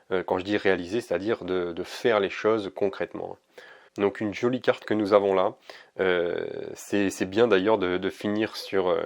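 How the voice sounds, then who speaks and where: Low-voiced man reading oracle cards. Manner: hesitant, many fillers and restarts, gentle reassuring. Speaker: oracle card reader. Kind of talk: casual spoken card reading to camera.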